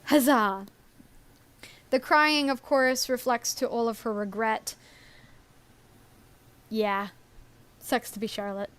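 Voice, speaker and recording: A woman's voice: fairly high pitch, slow pace, pauses often, a bit bright. A woman co-hosting a casual live stream, talking in a chatty, rambling way with many ums and little laughs. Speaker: story creator and stream co-host.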